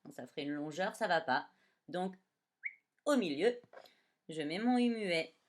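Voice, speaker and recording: A woman teaching a dictation lesson to young children, sounding out words syllable by syllable. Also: slight background noise. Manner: slow, syllable-by-syllable spelling with lively pitch. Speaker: primary school teacher.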